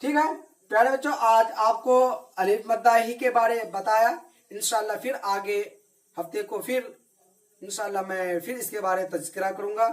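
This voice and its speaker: Male religious teacher, children's lesson, self-answering questions, slow repetitive drilling. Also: sits high. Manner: asks questions and answers them himself. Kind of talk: Arabic reading lesson for children.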